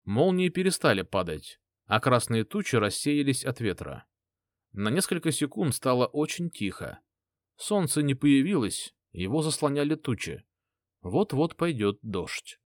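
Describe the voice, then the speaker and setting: Expressive male audiobook narrator. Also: mid-range voice, measured pace, dry recording, studio quality. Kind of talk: first-person audiobook narration.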